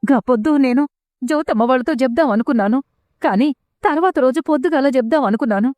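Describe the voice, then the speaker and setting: A woman's voice: high-pitched, fast talker, darkish tone, no room sound, lightly acted. A woman voicing a worried village mother with a Telangana accent, pleading and urgent in a serial recap. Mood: earnest. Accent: Telangana Telugu.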